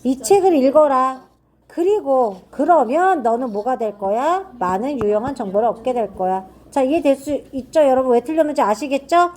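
A woman teaching English grammar to a classroom of students, firing quick check-in questions and reading example sentences slowly and deliberately. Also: high-pitched, animated, darkish tone. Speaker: English teacher at a cram school.

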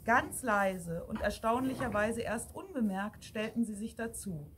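A woman with a somewhat high voice narrates a fairy tale aloud, bringing the scenes to life with lively, expressive pacing. Her reading sounds like a storyteller sharing a tale with listeners. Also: measured pace, slight background noise. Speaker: audiobook reader.

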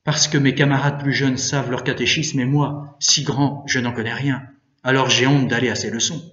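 A priest voicing a shy, poor orphan teenage boy who answers in hushed, hesitant words, recorded from a distance in an echoey room. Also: medium pitch, little pitch movement, normal speed, highs cut off, close to an everyday voice. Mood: timid.

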